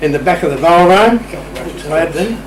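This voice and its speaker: Background noise is clear and the sound roomy in this distant-mic recording from a radio shack room. An older Australian man tells a casual anecdote as an interview guest in a fairly high voice, with lively intonation and a moderate pace. His manner is wry, playful and understated.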